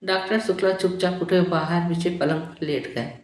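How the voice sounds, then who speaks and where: A woman narrating a novel in a calm, measured audiobook reading. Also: on the low side, reverberant.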